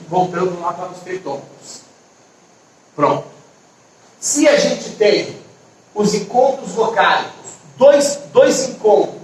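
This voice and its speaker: A man with a high voice explaining grammar to a class, stopping often to ask if they are following. He sounds set back from the mic in a very echoey room, with a faint hiss behind him. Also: far from the mic. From Brazil. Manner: explanatory, checks in with students often. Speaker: teacher. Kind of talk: online grammar lesson.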